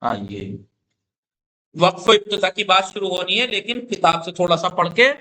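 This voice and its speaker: A man's voice: high voice, sing-song, bright, forceful tone. A man teaching a classroom lesson on Quran recitation. He explains patiently, demonstrates the vowel sounds aloud, and checks often that his students follow.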